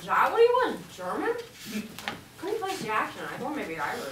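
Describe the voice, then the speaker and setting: A woman plays a blunt young pregnant woman who teases and speaks her mind, her voice pitched a little high. She is heard from a distant mic in a reverberant room with steady background noise, like a stage play taped from the house. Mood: teasing. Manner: blunt, wry, quick to tease. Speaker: stage actor. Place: theater stage. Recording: echoey room, far-off mic, noisy.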